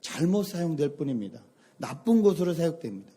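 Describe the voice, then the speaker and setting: A middle-aged man, a pastor, preaching a sermon and telling a lively personal story. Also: a little high, fairly quick, breathy edge. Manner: storytelling, animated anecdotes.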